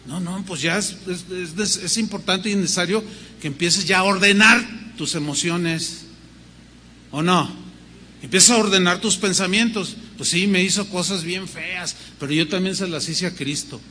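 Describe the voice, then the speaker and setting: An older male pastor preaches with a high, bright, ringing voice. He tells stories and acts out both sides of conversations, then builds rhythmic lists of words. The sound carries a long reverb from a church hall. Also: normal speed, slight background noise. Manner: storytelling preacher acting out quoted dialogue, rhythmic lists. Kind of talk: sermon.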